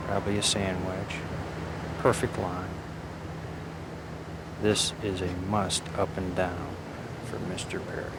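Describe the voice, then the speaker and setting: A man giving live golf commentary in a measured, analytical way, with short clipped phrases and pauses. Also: low-pitched, level tone. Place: outdoors at a golf tournament. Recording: noisy outdoor broadcast with crowd.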